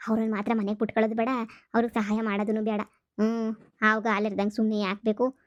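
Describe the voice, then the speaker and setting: A woman's voice: mid-range voice, flat delivery, fast, no echo, dull audio, natural voice. A woman voicing a stern, exasperated village mother-in-law in a cartoon comedy, speaking. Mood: scolding. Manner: sharp, scolding, exasperated.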